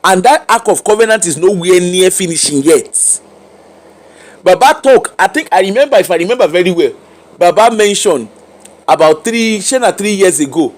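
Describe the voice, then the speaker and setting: A man's voice: sits high, expressive, normal speed. A Nigerian man giving informal opinion commentary in Nigerian Pidgin mixed with English, challenging with repeated rhetorical questions.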